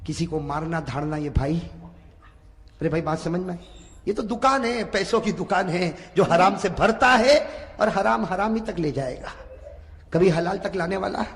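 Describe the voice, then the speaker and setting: Male preacher, sermon storytelling, very high-pitched, bright and forceful, dramatic, call-and-response. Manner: dramatic, swinging from hushed asides to fervent shouts; asks the audience to repeat after him. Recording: reverberant hall.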